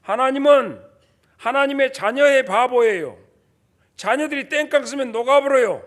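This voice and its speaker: A middle-aged man preaching a lively, folksy sermon as pastor, leading his congregation and acting out short everyday voices. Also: very high voice. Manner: folksy, acts out quick voices of fathers and teachers, leads congregation responses.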